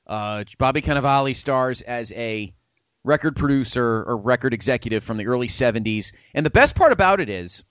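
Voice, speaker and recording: A man with a mid-range voice hosts a casual podcast chat at a brisk clip, his pitch rising and falling with lively energy. He enthusiastically plugs comics and shows. The recording is dry and close, with no room sound.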